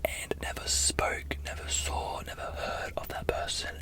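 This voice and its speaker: A voice in a fast ASMR whisper, breathy and fully unvoiced, tells casual stories. Words and phrases come back in little repeated loops as the whispering rushes along. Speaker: ASMR creator.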